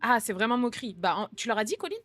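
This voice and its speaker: A woman's voice: on the high side, big pitch swings, quick pace, a bit bright, no echo, faint music behind. A young woman, a streamer chatting casually and answering viewer messages with slang, jokes and reassurance.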